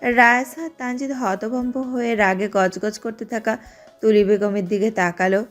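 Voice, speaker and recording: A woman giving steady, scripted narration of an audio drama. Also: a little high, a little slow, soft background music. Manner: steady storytelling.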